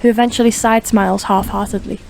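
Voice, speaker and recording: A woman narrating an audiobook crime drama in a steady, even reading voice. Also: medium pitch, quick pace, gravelly, slight background noise. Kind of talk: scripted narration.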